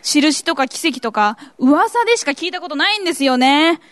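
A woman's voice: sits high, animated, moderate pace, a bit bright, no echo. A woman playing a chatty, gossiping townswoman in a church skit. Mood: gossipy. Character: gossipy city-dwelling woman.

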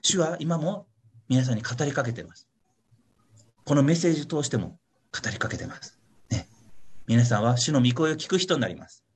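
This man speaks in a mid-range, slightly rough voice, animated and at a moderate pace, with long pauses. He's a pastor leading a Bible study in an online meeting with the congregation, and his casual teaching sermon is chatty and playful. He keeps asking listeners a little "ne" at the end of sentences and acts out little voices for examples.

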